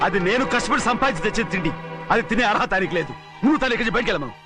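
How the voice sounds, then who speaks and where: An actor playing a bitter young son who speaks sharply and scornfully. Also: male voice, high-pitched, expressive, very fast, loud music behind the voice. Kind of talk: film dialogue.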